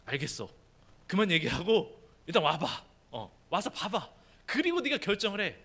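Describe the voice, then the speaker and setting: A man's voice: sits high, very animated, normal speed, pushed and bright, heavily acted. A man preaching a sermon, voicing an eager young man who keeps calling out to his skeptical friend to come and see. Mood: coaxing.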